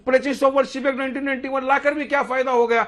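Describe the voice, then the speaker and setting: Heated, sarcastic high-voiced man. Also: little pitch movement, fast talker, a bit bright. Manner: heated, sarcastic, talks over others. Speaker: panel guest. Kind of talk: televised political debate.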